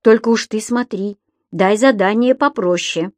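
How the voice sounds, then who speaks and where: A woman's voice: medium pitch, a little slow, no echo, clean studio sound, natural voice. A woman voicing a timid, flustered grown man who stammers and hesitates. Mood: eager.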